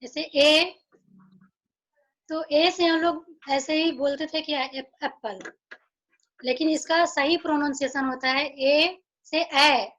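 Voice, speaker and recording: A woman teacher giving an online phonics lesson, slowly saying each letter sound and repeating it. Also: high-pitched, steady tone, a bit bright, lo-fi sound. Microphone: video call.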